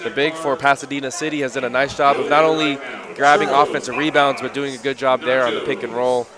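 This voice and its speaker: A man calling live college basketball play-by-play in brisk, clipped phrases that rise on big plays. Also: mid-range voice, fairly even intonation. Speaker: play-by-play announcer. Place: college gym. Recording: loud crowd and gym noise.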